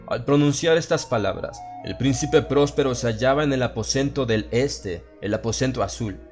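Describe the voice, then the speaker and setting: A man with a slightly mellow, medium-pitched voice and a Latin American Spanish accent reads a horror audiobook at a moderate pace. He narrates the scripted story in a solemn, theatrical, dramatized way, with music behind him.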